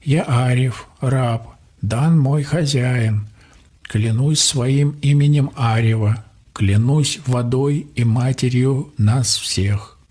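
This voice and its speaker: A man voicing a proud, trapped male water spirit with a gurgling, grunting voice, speaking slowly and drawn out. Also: medium pitch, warm tone, pitched above the performer's own voice. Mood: solemn oath. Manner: pleading then haughty, drawn-out slow speech.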